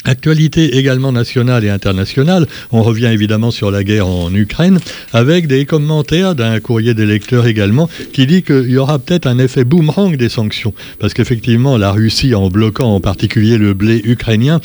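A man's voice: medium pitch, lively intonation, brisk, a little mellow. Chatty man reading the press with irony. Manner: chatty and ironic, with asides and jokes. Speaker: press review host. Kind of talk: casual spoken press review.

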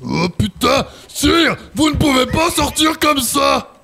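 An eager auditioner hamming up a valet's part, played by a man in a comedy sketch. His voice is high and bright, with heavy gravel and a raspy edge. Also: normal speed, slight background noise, exaggerated voice. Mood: overwrought. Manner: shouting, theatrical. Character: eager male auditioner playing a shouting valet.

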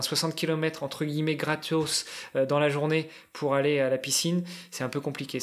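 A man in a casual podcast conversation, explaining things as he thinks aloud. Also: medium pitch. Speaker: guest, endurance athlete preparing a challenge. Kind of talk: casual podcast interview talk.

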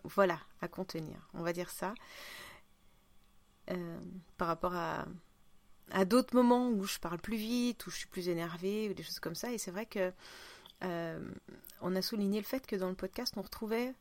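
A woman's voice: lowish voice, moderate pace. A woman with a southern French accent co-hosting a podcast in casual chat, teasing and laughing easily. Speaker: podcast co-host.

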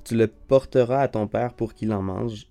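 A man's voice: lowish voice, normal speed, dark tone, faint music behind, natural voice. A man reading the part of a scheming mother, giving pressing, insistent instructions. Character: scheming mother Rebecca, urgent and firm.

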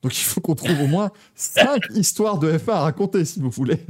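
A man's voice: on the high side, lively intonation, brisk, a little mellow, slightly rough. A young man hosting a motorsport podcast, chatting casually with jokes, laughter and rambling asides. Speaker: podcast host. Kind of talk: casual chat.

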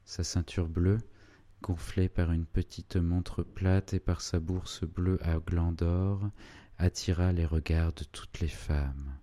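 Guy reading an old novel, low mellow voice, steady and calm. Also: slow pace. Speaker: audiobook narrator. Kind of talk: scripted narration of a classic novel.

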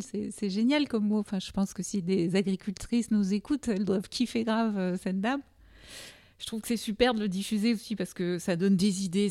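A woman with a mellow, warm tone talks in a lively, colloquial way. The sound is dry and close, with no room echo. Her pitch is medium. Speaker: panelist. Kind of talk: casual discussion.

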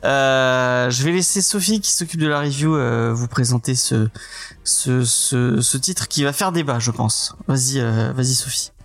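A man hosts a casual podcast. He hands over to his co-host with a halting, unhurried delivery. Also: medium pitch. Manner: hesitant, halting handover.

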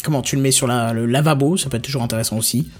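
A man's voice: medium pitch, fairly even intonation, very fast. A man co-hosting a casual podcast, explaining a news item with many hesitations and restarts. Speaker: podcast co-host. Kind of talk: casual tech podcast chat.

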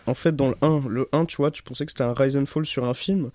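A man's voice: medium pitch, fast talker, dry recording. A young man in casual chat, throwing in dry offbeat jokes. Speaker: podcast co-host. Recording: loud background noise.

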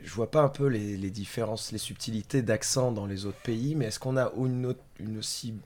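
A man's voice: fairly low pitch, normal speed, a little mellow, a little hiss or hum. A man from southern France, a podcast guest, talking casually and often searching for his words. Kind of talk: casual chat.

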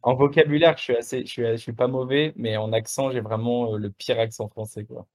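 A young adult man, a musician guest in a casual interview, talking in a relaxed, slangy way with many fillers and restarts. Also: mid-range voice, brisk.

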